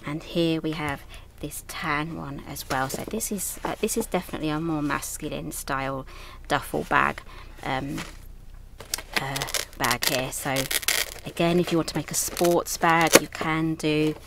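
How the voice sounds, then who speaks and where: A Yorkshire-born woman now living in southern England chats enthusiastically and ramblingly as she casually shows off her new craft designs at a product launch. Her voice is low and creaky, her tone steady, and she takes her time, with noise in the background.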